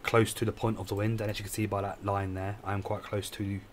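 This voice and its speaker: Tired man, low flat voice. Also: fast talker, a little hiss or hum. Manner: rambling, self-correcting, explains as he plays. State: tired, yawning. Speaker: game streamer. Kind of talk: casual live gameplay commentary.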